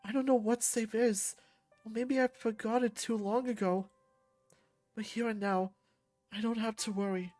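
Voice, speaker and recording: A woman reading a visual novel aloud, narrating calmly and steadily over faint music. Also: on the high side, moderate pace, pauses often. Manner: calm, steady, story narration.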